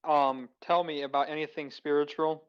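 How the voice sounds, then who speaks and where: Man, tabletop player, somewhat higher pitch, earnest, rambling. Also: level tone, normal speed, clean tone, muffled recording. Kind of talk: tabletop role-play chat.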